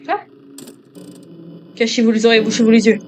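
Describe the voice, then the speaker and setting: A man's voice: very high-pitched, level tone, a little fast, darkish tone, a little hiss or hum. A male gamer doing joking commentary on a horror game, talking to himself and to viewers as he plays.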